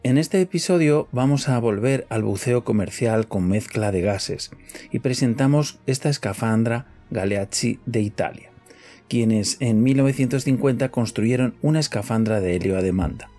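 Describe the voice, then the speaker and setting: A man's voice: medium pitch, moderate pace, dark tone, faint music behind. A man presenting in the style of a scripted documentary narration.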